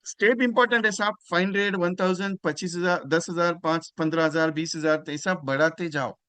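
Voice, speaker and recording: A man gives a motivational sales training talk in a bright, forceful, somewhat high voice. He swings between loud, emphatic bursts and quiet asides, and acts out phone calls with clients. The sound is close and dry. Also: steady tone, fairly quick, clear, resonant tone, no echo.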